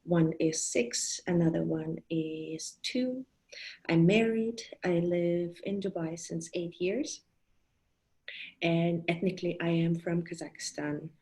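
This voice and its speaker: Lower-voiced woman in her thirties, presenting. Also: slow pace, dark tone. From Germany. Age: 30s. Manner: thoughtful, frequent fillers and restarts. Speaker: parenting coach. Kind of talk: online presentation to fellow coaches.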